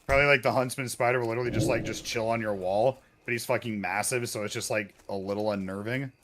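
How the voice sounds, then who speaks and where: A man's voice: medium pitch, fairly even intonation, fast talker, fairly bright tone, a little hiss or hum. A man who makes online videos, chatting casually while gaming, rambling and swearing freely. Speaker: content creator.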